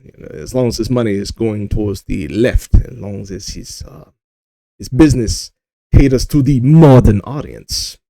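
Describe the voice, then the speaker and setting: A man's voice: mid-range voice, creaky, dark tone, dry recording. A man hosting his own channel, talking through his opinions in a meandering, casual way with many fillers and restarts. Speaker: commentary channel host.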